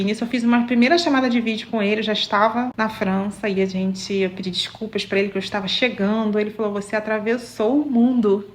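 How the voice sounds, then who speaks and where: A woman's voice: mid-range voice, slight background noise. A young adult woman from Brazil, telling her own love story to her viewers in a casual, emotional way and often calling out to them directly. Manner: animated, emotional, addresses viewers as "gente".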